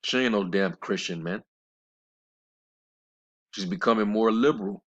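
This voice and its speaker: Low-voiced man preaching bluntly over dull audio. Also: a bit bright. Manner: rambling, with many fillers and restarts; reads scripture in a slower, measured cadence. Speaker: religious commentator. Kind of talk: informal scripture commentary. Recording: dull lo-fi recording.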